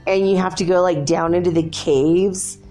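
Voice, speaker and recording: A woman's voice: on the low side, steady tone, moderate pace, warm tone, faint music behind. A woman chatting informally and ramblingly on a solo podcast as host, quoting her own thoughts, with a thick, swollen-throat sound to her voice.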